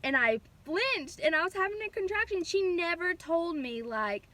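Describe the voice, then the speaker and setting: A young woman vlogger casually retelling a personal story, chatty and animated, with lots of fillers. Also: very high voice, normal speed.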